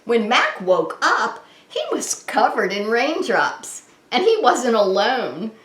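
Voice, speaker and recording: With a slightly high voice that swoops wildly in pitch, a preschool teacher takes her time hosting story time for small children. She reads aloud and sings, speaking simply and expressively with frequent questions. The recording has a roomy, echoey sound.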